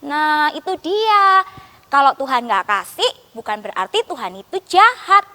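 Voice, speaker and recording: A woman Sunday school teacher, gently coaxing and explaining to a child puppet. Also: sits high, big pitch swings, measured pace, big-room sound.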